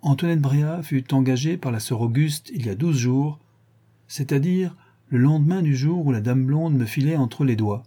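A man voicing a stubborn, proud male police inspector who speaks insistently and sententiously, with a husky timbre. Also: mid-range voice, moderate pace, dark tone, natural voice.

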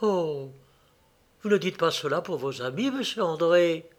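A man voicing a gentle, shy young village woman who speaks softly and tremblingly in a read-aloud story. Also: fairly high pitch, lively intonation, a little slow. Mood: timid, pleading. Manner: soft, timid and trembling.

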